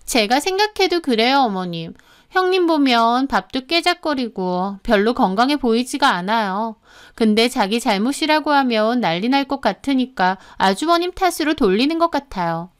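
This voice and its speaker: A woman voicing a fawning, two-faced young sister-in-law in a radio drama, speaking softly in a wheedling, sugary way. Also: on the high side, expressive, moderate pace, clean tone, lightly acted. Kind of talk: Korean story radio drama.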